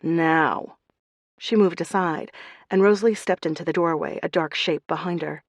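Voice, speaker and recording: Low-voiced woman narrating a mystery. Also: a little fast, no room sound. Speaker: audiobook narrator. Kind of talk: scripted narration.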